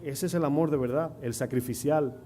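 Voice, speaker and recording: A man's voice: on the high side, fairly even intonation, a little fast, mellow. A middle-aged man with a Dominican accent preaching a sermon, telling stories and asking the congregation rhetorical questions. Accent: Dominican Spanish. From Dominican Republic. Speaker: pastor. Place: church. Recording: faint hum and noise.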